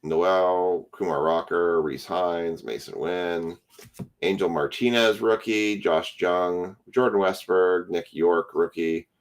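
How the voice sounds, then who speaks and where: Casting: tired man, very low voice, relaxed card-break host listing player names. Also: takes it slowly. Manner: relaxed, rattles off player names as he opens packs. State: tired, yawning. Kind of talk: casual live card-break commentary.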